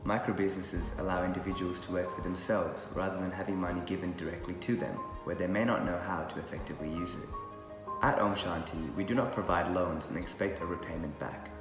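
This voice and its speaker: A man giving a scripted voice-over in a measured, explanatory read. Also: sits low, steady tone. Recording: long hall reverb with music.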